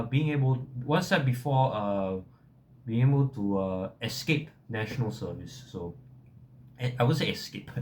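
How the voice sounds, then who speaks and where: A man's voice: fairly low pitch, slight background noise. A young man with a Singaporean accent chatting casually to viewers in a hesitant, self-deprecating, rambling way that often backtracks. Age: young adult. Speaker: vlogger.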